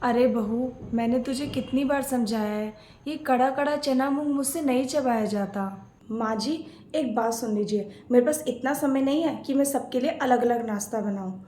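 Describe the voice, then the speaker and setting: High pitched woman doing both sides of a saas bahu skit, roomy echo. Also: normal speed, warm tone. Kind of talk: scripted family skit acting.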